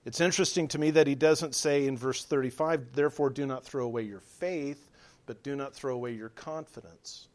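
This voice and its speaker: A male pastor preaching a sermon, earnest, shifting between hushed lines and emphatic exhortation. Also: medium pitch, a little fast.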